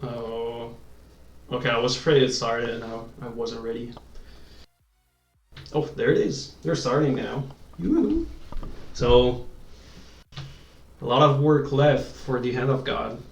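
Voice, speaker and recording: Gravelly French-accented male esports caster. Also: medium pitch, little pitch movement, faint music behind. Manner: chatty, laid-back, quick reactions. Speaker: esports commentator. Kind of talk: live game commentary. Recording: echoey room, distant from mic.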